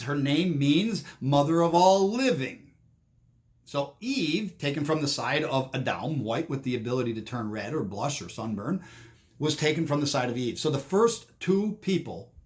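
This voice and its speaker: Brief: man, slightly high voice, rambling monologue commentary, frequent restarts. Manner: rambling, repeats words and restarts.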